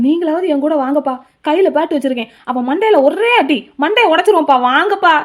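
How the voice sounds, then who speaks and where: A woman's voice: sits high, close to an everyday voice. Woman voicing a frantic young college guy. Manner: loud, pleading, rambling. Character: excitable young male college student.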